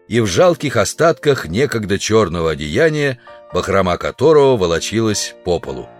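A man narrating a humorous science fiction audiobook in an expressive, ironic style. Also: on the low side. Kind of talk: scripted narration.

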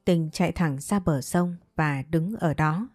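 A woman with a low, warm voice tells a first-person story in a steady, dramatic way. The recording is dry and close, with faint music running underneath. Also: unhurried, no echo.

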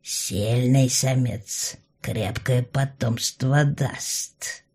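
A woman voicing a blunt, domineering old female goblin matriarch who talks slowly and curtly, with a grumbling edge. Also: rumbling low, fairly even intonation, darkish tone, breathy edge, voice pushed down, full character voice. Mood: gruff. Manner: slow, curt, grumbling.

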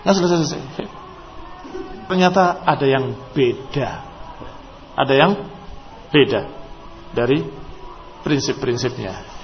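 A man's voice: medium pitch, takes it slowly, long pauses, soft background music. Emphatic preacher man, lo-fi lecture tape. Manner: emphatic, rising to forceful exclamations; peppers speech with short "ya" and "hei" tags. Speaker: Islamic preacher. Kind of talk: religious lecture. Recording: dull lo-fi lecture recording with faint noise.

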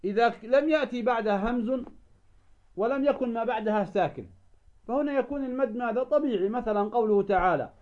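Guy with a high voice teaching recitation, keeps asking "what?" then answering himself, dull lo-fi sound. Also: a little mellow. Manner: asks the listener a question, then answers it himself; drawn-out chanted recitation of verses. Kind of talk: tajweed lesson.

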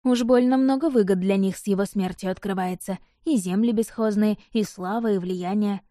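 Dark-voiced woman narrating a fantasy tale. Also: medium pitch, normal speed, dry recording, studio quality. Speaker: audiobook narrator.

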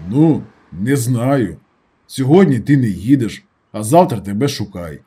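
A man reading an audiobook and voicing a blunt, irritable garage worker who speaks loudly. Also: medium pitch, expressive, a little slow, breathy edge. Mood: doubtful. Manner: blunt, irritable, raises his voice. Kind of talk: audiobook character voice.

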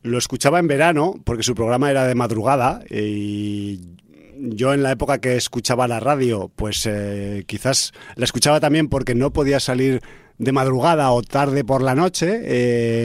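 A man's voice: medium pitch, moderate pace, no room sound, studio quality. Laid-back man reminiscing. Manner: laid-back, chuckling listener turned reminiscer. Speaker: podcast co-host. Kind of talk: casual chat.

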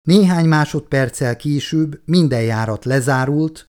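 A man narrating an audiobook in a measured, even reading. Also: on the high side. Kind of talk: scripted narration.

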